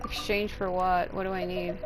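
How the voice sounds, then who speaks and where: This gaming streamer, a woman, talks through her play in a loose, rambling way and sounds somewhat tired and under the weather. Her delivery is flat at a normal speed, her voice is lowish, and the rough recording carries game music behind it.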